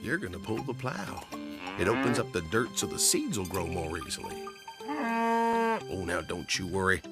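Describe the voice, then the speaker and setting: A man's voice: on the low side, wildly swooping pitch, normal speed. A man voicing a good-natured farmer with a homespun, reassuring manner. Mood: folksy. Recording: cartoon with very loud music behind.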